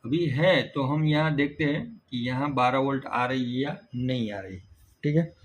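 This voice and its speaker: With an Indian accent, a male auto electrical repair instructor walks a learner through a hands-on tutorial step by step, frequently checking in. He speaks in a mid-range voice at normal speed, captured in dull lo-fi sound with faint background noise.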